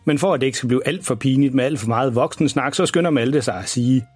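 A man narrating a children's bedtime story in a measured storytelling manner. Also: mid-range voice, darkish tone, husky, no echo, faint music behind.

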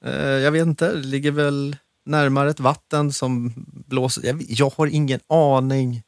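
A middle-aged man talks casually as a co-host. His voice sits at a medium pitch in a dry, close recording. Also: steady tone, no echo. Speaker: podcast co-host. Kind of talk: casual chat.

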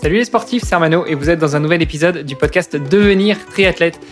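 A man's voice: a little high, quick pace, faint music behind. A man hosting a podcast in a casual way, with frequent hesitations and filler sounds. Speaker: podcast host.

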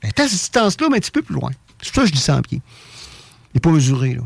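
A man with a Québécois French accent tells a personal story in a casual, animated way, stumbling over and repeating his words. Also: fairly high pitch, racing, vocal fry, slightly rough, no echo. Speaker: guest telling an experience.

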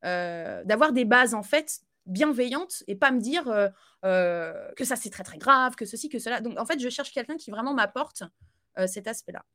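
A woman speaking as a podcast guest in a loose, conversational way. She hesitates often, fills pauses and restarts her sentences. She laughs easily as she talks about her life. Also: fairly high pitch, expressive, a bit bright. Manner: chatty, halting, with many fillers and restarts. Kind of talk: casual conversational interview.

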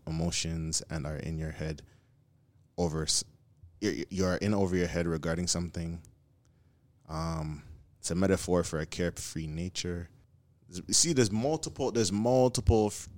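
Deep-voiced man in halting casual chat. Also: dry recording.

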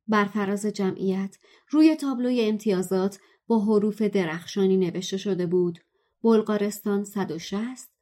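A woman narrating a novel excerpt in a steady, measured storytelling voice. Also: medium pitch. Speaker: guest reader.

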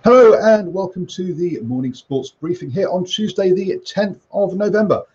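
Halting male sports host, slightly dull sound. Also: sits high, animated, a little mellow. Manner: halting, hesitant, frequent ums and repeats. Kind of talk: morning sports news briefing, loosely scripted. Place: makeshift home studio under a roof in rain.

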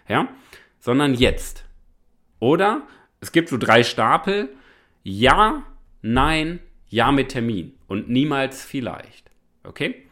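A man's voice: a little high, fairly bright tone. A man hosting a motivational podcast, speaking emphatically and often checking in with "ja?". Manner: emphatic, repeats "ja?" to the listener. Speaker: podcast host and motivational coach.

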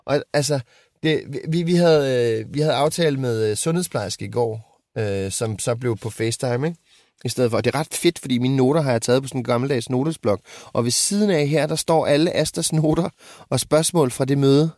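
A man's voice: mid-range voice, darkish tone, no echo, studio quality. A man and father in casual chat, telling rambling anecdotes and swearing freely. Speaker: podcast co-host and father.

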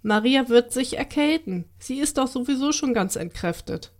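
A woman's voice: sits high, animated, normal speed, pitched above the performer's own voice. A woman voicing Josef, a caring and worried man, reading aloud for children. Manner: earnest and fretful.

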